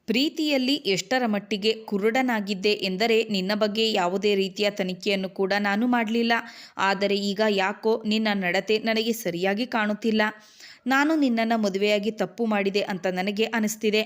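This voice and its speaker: Woman reading as an angry young husband, hushed and suspicious, storybook. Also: fairly even intonation, moderate pace, lightly acted. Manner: angry but kept low.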